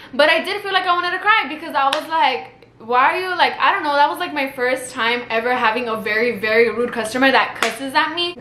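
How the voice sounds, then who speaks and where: A young woman from South Texas tells a casual storytime in a chatty way, with "like" after nearly every phrase. Her voice is high and bright. The room around her is echoey. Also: slight background noise. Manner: chatty, filler-heavy with constant "like". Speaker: vlogger.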